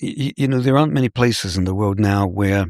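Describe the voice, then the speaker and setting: An older male scholar from New Zealand, giving measured, professorial answers in an interview. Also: fairly low pitch, darkish tone, dry recording, studio quality. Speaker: scholar guest.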